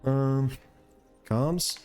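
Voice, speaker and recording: A relaxed man with a soft, dark tone and an average pitch chats over a game he is playing. His commentary is casual and rambles along in a laid-back way, with faint music underneath. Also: very slow. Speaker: gamer, let's play streamer.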